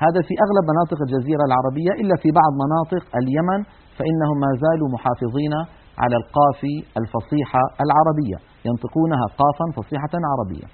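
A man gives a Quran recitation lesson at a brisk pace, modelling each syllable and pressing his point with earnest rebukes. His voice sits a little high and has a husky edge. The sound is thin and tinny, like an old phone line. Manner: demonstrates sounds, repeats syllables, earnest and admonishing. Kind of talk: tajweed lesson on letter pronunciation.

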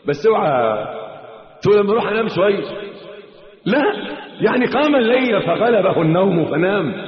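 A man's voice: high-pitched, sing-song, a little fast. A man with an Egyptian accent preaching a mosque sermon, telling stories dramatically and acting out the quotes in colloquial asides. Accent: Egyptian Arabic. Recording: echoey dull hall recording.

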